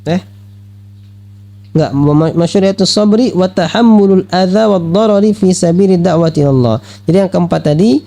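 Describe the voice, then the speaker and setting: Guy preaching at a study lecture, kinda high voice but rough and gravelly, lively, keeps asking questions. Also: moderate pace. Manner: lively, asks rhetorical questions and acts out quoted voices. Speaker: Islamic preacher.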